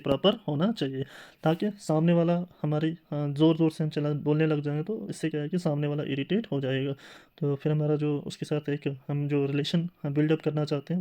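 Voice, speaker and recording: A man's voice: fairly high pitch, warm tone. A man teaching a classroom lecture in tinged speech, explaining step by step with rhetorical questions and filler sounds.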